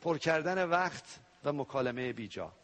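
Male pastor, born in Iran, higher register, animated pulpit delivery with loud outbursts. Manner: animated preaching, sound effects and sudden loud cries. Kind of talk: sermon.

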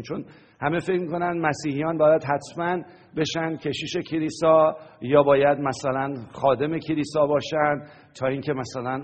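A man's voice: a little high, breathy edge. A man preaching a sermon to a congregation, teaching and often asking them questions. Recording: long hall reverb.

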